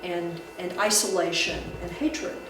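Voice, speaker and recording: A woman's voice: fairly low pitch, fairly even intonation, unhurried. A woman giving a public talk on folklore in a library room, speaking conversationally with many restarts. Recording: echoey room, distant mic, background noise.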